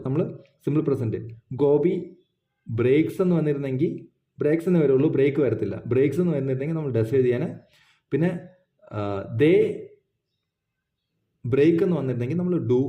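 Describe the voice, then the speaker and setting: A man's voice: mid-range voice, dull audio. A middle-aged man, teaching an English grammar lesson patiently and often checking that listeners follow. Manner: patient, keeps checking understanding with short questions.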